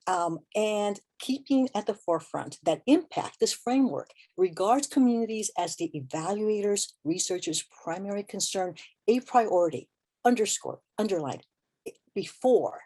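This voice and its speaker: Casting: woman presenter, lowish voice, measured, halting delivery with fillers. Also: a little mellow. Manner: measured, with many ums and asides. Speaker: evaluator presenting a framework. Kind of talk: webinar presentation.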